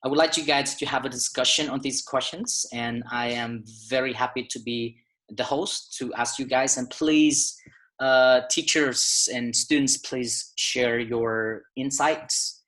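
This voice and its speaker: A man's voice: mid-range voice, fairly even intonation, a little slow, fairly bright tone, low-quality recording. A man hosting an online teacher webinar over a video call, speaking with many fillers and restarts. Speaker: webinar host. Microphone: computer mic on a video call.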